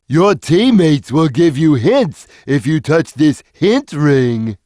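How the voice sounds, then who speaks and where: A man voicing a big, gentle, simple-minded cartoon cat who explains things slowly and plainly, as a video game character. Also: a little high, dry recording, studio quality. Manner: slow, simple, deliberate instructional delivery. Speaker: video game character giving tutorial hints. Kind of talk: scripted game tutorial voice lines.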